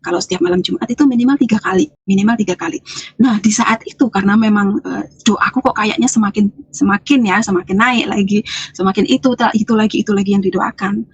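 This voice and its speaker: A woman's voice: medium pitch, quick pace, husky, no echo, lo-fi sound. A woman from Lampung giving an earnest, emotional personal testimony in an interview, often hesitating, restarting and repeating her phrases. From Lampung, Indonesia. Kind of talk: personal testimony, casual speech.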